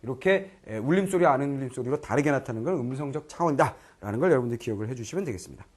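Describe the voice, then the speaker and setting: Give me a middle-aged male grammar teacher with a lively, bouncing delivery. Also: mid-range voice, racing, slightly rough. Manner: lively, keeps checking students understand; acts out foreign learners' lines in quoted voices. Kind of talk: online lecture.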